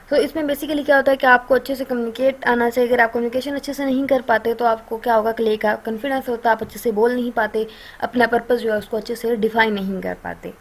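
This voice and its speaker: A woman with a Pakistani accent explaining a course lecture in a conversational way, often pausing with fillers and checking in with her listeners. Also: a little high. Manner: conversational, frequent "ठीक है" check-ins and filler pauses. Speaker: online lecturer.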